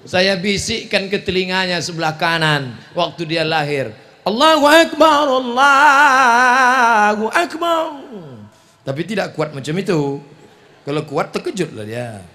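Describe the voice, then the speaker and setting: A male preacher delivers an animated, joking sermon. His high voice swings between loud bursts and soft asides as he acts out scenes. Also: moderate pace.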